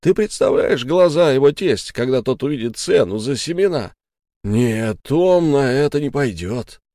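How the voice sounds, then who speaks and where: A man doing a slow, easygoing village husband. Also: mid-range voice, lively intonation, mellow, no room sound, studio quality, pitched above the performer's own voice, close to an everyday voice. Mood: placid, reasoning. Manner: slow, placid, drawling. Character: easygoing, good-natured village husband, unhurried.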